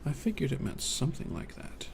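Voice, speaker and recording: A man speaks softly in an ASMR stream, his voice low-key and gravelly with a touch of fry. He rambles in a relaxed way and chats with his viewers from his desk. A steady hiss of ambience sits under the recording. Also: fairly quick. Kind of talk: soft-spoken ASMR chat.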